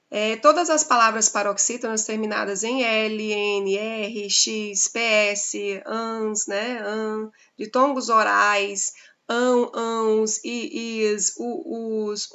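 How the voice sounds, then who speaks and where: A woman's voice: a little high, sharp tone. A woman teacher with a Brazilian accent giving a grammar lesson to her class, explaining step by step and checking in with "né?". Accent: Brazilian Portuguese. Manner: explains slowly, spelling out examples with frequent "né?". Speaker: Portuguese teacher.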